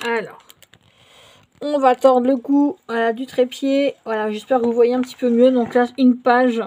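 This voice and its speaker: Her voice is fairly high with little pitch movement, a dark tone and a moderate pace. Showing a shopping haul to her viewers, this French-speaking vlogger talks casually in show-and-tell style, hesitating a bit and using lots of fillers.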